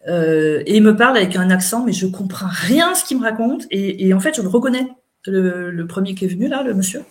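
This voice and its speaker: A woman's voice: mid-range voice, animated, a little fast. A middle-aged woman, an interview guest, chatting casually as she recounts events and quotes what people said.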